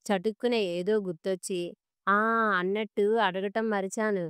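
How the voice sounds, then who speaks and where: A sharp-tongued middle-aged wife needles and scolds with sarcasm in a spoken storybook, voiced by a woman reading the tale. Her voice is very clear and smooth. The sound is dry and close. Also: medium pitch, steady tone, moderate pace, no room sound, lightly acted. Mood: scolding. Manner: sarcastic and cutting.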